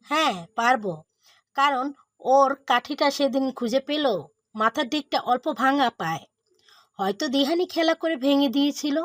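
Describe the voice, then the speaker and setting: A woman voices an eager, talkative young woman in an audio drama. Her voice is high, and the recording is dry and close to the mic. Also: moderate pace, a bit bright, dry recording.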